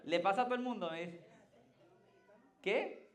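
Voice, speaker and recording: A man's voice: high voice, normal speed. A male pastor with a Puerto Rican Spanish accent, giving a conversational sermon that builds to emphatic climaxes and asks the congregation questions. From Puerto Rico.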